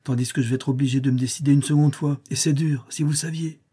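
A man's voice: medium pitch, steady tone, quick pace, dark tone, husky, pitched above the performer's own voice, close to an everyday voice. A man voicing a despairing young man of about twenty-five who speaks in a bitter, weary way, in a storybook reading.

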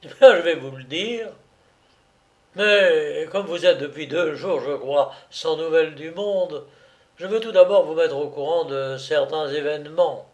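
A man reading aloud and voicing a jovial, smooth-talking gentleman thief with mocking politeness. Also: a little high, measured pace, close to an everyday voice.

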